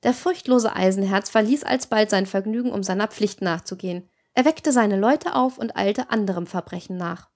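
A woman reads a novel aloud as an audiobook narrator, keeping a calm, even tone. Her pitch sits in a typical middle range, and the delivery is steady, scripted narration. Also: moderate pace, hardly any pauses.

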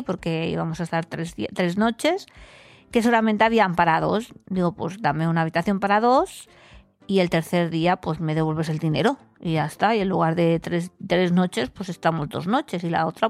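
Recounting a hotel mishap for her podcast, a woman from Spain keeps the travel tale casual and chatty, voicing the dialogue amid laughter. Her lowish voice is recorded without echo.

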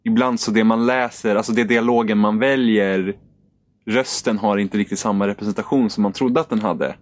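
Lively young man chatting about games. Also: no room sound. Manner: animated, acts out quoted lines with sudden high pitch. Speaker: podcast co-host. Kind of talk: casual gaming chat.

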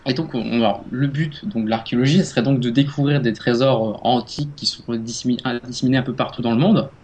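A man's voice: mid-range voice, fast, a little mellow. A man co-hosting a casual gaming podcast, explaining hesitantly with many fillers and restarts. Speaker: podcast co-host.

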